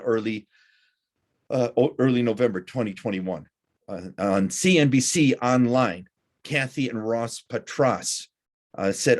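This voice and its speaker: A middle-aged man teaching a recorded college lecture, talking deliberately with frequent "uh" fillers. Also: mid-range voice. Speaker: college instructor.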